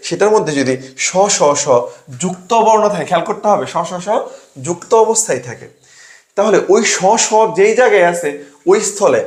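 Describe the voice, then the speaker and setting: A man's voice: high voice, darkish tone, roomy sound. Young man drilling a grammar rule. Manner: drills by asking and answering his own questions. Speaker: admission coaching tutor. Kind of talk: classroom lesson with sales pitch.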